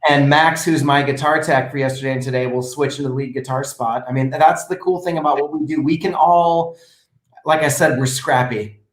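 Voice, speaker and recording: A man and performer chatting casually as a host, telling animated stories and often restarting his sentences. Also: medium pitch, a little fast, reverberant. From United States. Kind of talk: casual chat.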